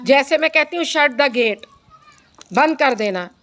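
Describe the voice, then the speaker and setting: Woman teacher, high and slow, spelling words patiently for kids; faint noise behind. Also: animated, fairly bright tone. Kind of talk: classroom reading lesson.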